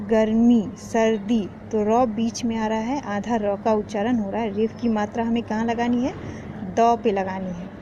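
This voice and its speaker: A woman teaching parents a spelling lesson, speaking slowly and patiently and repeating each sound. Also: a little high, mellow. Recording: dull lo-fi with faint noise.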